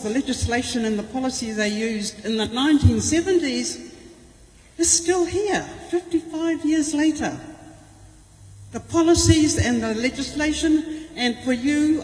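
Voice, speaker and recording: An older woman addresses a meeting slowly and emphatically. Her speech is impassioned and deliberate, returning to key phrases. The voice rings through an echoey hall with long reverb. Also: fairly high pitch, darkish tone. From New Zealand. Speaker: presenter and activist. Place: large echoing indoor venue.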